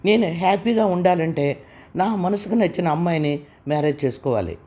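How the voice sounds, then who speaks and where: Cruel blackmailer, menacing and bossy, high mellow tone, man reading him. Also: expressive, brisk, close to an everyday voice. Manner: menacing, commanding. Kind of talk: audiobook character reading.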